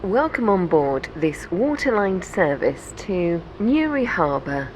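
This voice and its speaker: A woman's voice giving automated train announcements on board and at the platform, in a measured, formal announcer manner. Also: fairly low pitch, big pitch swings, a little hiss or hum, rough recording. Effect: train announcement system voice.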